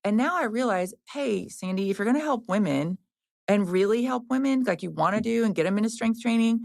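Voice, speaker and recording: In a clean, echo-free studio recording, a woman in her fifties speaks with a medium-pitched, expressive, creaky voice of darkish tone, fairly quickly. She is a personal trainer in a casual podcast conversation, frank and rambling, with many restarts and fillers and the occasional swear.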